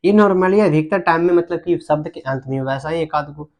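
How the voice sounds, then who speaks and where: Casting: young male teacher, voice on the high side, patient and explanatory, keeps asking the class questions. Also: darkish tone. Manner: explains slowly, checks understanding with repeated questions. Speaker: Hindi teacher. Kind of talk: classroom grammar lesson.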